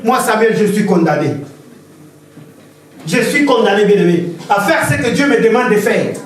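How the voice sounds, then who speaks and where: A man's voice: sits high, animated, moderate pace. A man preaching a sermon as pastor, impassioned and repetitive, telling stories to the congregation. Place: church hall. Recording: very echoey church hall, distant mic.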